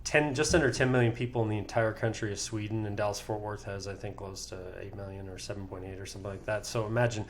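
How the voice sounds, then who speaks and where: A man talking as a podcast guest, telling lively stories and laughing often in a casual chat. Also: lowish voice, fast talker, hardly any pauses, a little hiss or hum. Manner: animated storyteller, laughs often.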